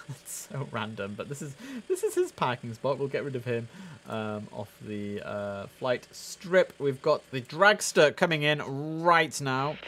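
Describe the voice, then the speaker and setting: With a mid-range voice and a measured pace, this man hosts a relaxed gaming livestream. His chatty commentary slips at times into the terse phrasing of air traffic radio, over constant background noise.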